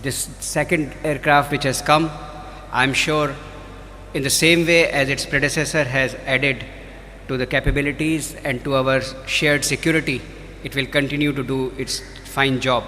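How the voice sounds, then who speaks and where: A man with an Indian accent giving a formal ceremonial speech as a diplomat, measured and phrase by phrase. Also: mid-range voice, fairly even intonation, bright, forceful tone. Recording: reverberant hall, faint background noise.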